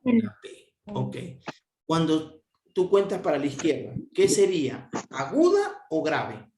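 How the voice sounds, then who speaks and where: A man teaches a grammar lesson in an echoey room. He talks slowly, drawing out the syllables. His voice rises and falls a great deal as he asks questions and answers them himself. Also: fairly high pitch, sing-song, a little mellow.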